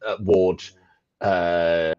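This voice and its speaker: A man co-hosting a podcast, chatting casually and profanely about games with an animated, ranting manner. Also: low voice, extremely slow, clean tone, highs cut off. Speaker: podcast co-host. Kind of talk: casual gaming chat.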